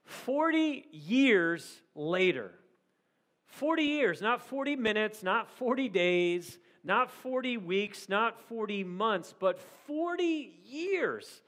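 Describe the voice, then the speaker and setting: A man's voice: sits high, very animated, slow, a bit bright. A man in his forties preaching a sermon, earnest and building to emphatic repetition. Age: 40s. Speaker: pastor.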